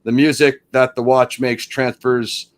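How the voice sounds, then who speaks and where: A podcast host leads a casual film review chat, reading out trivia and riffing on it, with plenty of fillers like "you know." He speaks a little slowly at medium pitch, keeping a level tone.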